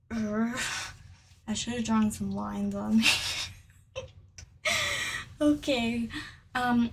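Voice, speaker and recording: A woman chatting casually on her book vlog, rambling and slipping into soft whispers now and then. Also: fairly high pitch, recorded from a distance, a little hiss or hum, rough recording. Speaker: booktuber.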